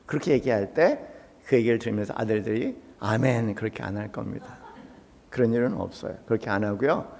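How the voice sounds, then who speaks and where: A man's voice: fairly low pitch, fast talker, creaky, a little mellow, slight background noise. A male senior pastor preaching a midweek sermon in a conversational, storytelling way, acting out the voices in his anecdotes. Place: church sanctuary. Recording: long reverb of a church sanctuary.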